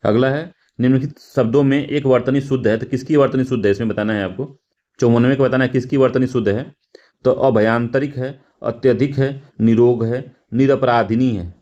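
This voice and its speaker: A man's voice: medium pitch, steady tone, fairly quick, mellow, highs cut off. A male teacher going through exam practice questions, repeating words and correcting himself, with frequent fillers. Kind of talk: explaining test answers.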